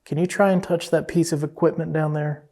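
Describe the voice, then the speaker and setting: A paranormal investigator calmly coaxing and questioning an unseen presence during a night investigation. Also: mid-range voice, a little fast.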